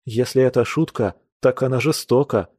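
Eager young suitor pleading in an audiobook, read by a man, mellow voice, dry sound. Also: medium pitch, normal speed, dry recording, natural voice. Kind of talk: audiobook character reading.

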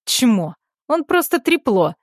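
A woman reads a blunt, angry brother in an audiobook, with clipped, scornful lines delivered a little higher than her narration. The sound is close and dry. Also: sing-song, takes it slowly, no echo, heavily acted. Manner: curt, scornful. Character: angry young adult brother, blunt and rude.

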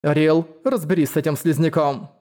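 Male reader as a steely woman steward, icy and stern, warm mellow tone. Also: fairly high pitch, fairly even intonation, moderate pace, close to an everyday voice. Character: cold commanding woman, steward of her estate.

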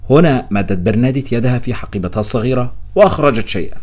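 A man narrating a novel aloud as an audiobook, in an animated storytelling manner. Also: mid-range voice, rapid-fire.

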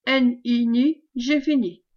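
Earnest old storyteller man, read by a woman, slightly high, dull lo-fi sound. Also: fairly even intonation, slow pace, darkish tone. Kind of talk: audiobook character reading.

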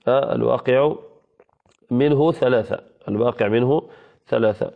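A man's voice: medium pitch, normal speed, creaky, phone-quality sound. A man teaching Quran recitation rules, who patiently repeats key phrases and demonstrates pronunciation while answering student questions.

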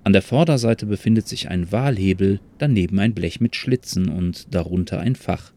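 A man telling a scripted story in a calm, measured way. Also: deep voice. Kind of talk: scripted story narration with character voices.

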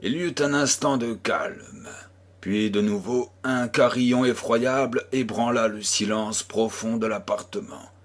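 A man narrates a classic novel aloud at an unhurried, deliberate pace. His voice sits a little low and has a husky grain. He reads steadily, with small shifts when the dialogue comes up. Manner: slow, measured reading, voicing dialogue with small shifts. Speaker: audiobook reader. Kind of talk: literary audiobook narration.

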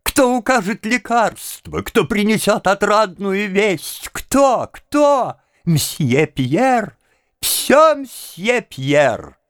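A man's voice: sits high, sing-song, drawn-out words, no room sound, clean studio sound, voice pushed up, heavily acted. A man voicing a chatty, smug jailer who boasts and talks down as if to a child. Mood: cloying. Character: chatty, smug, cloying male jailer-executioner.

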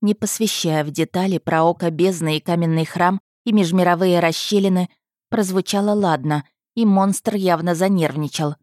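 Woman reading a fantasy audiobook, lowish voice, measured, dry close sound. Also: fairly even intonation, darkish tone, no room sound. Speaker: audiobook narrator. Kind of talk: first-person fantasy audiobook narration.

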